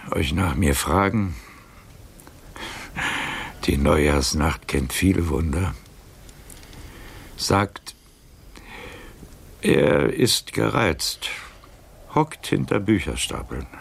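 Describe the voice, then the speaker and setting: An actor playing the aged Casanova in a radio drama, a proud, bitter old libertine with a husky, theatrical, declamatory delivery. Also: male voice, rumbling low, slight background noise, full character voice. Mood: resigned, pleading. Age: older. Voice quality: gravelly, husky. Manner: theatrical, declamatory, swinging from muttering to outbursts. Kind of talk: verse radio drama acting.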